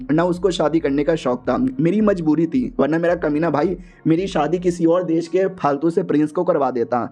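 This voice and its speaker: A man's voice: a little high, warm tone, natural voice. A man voicing a brazen flirty princess bride. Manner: teasing, pleading, coaxing.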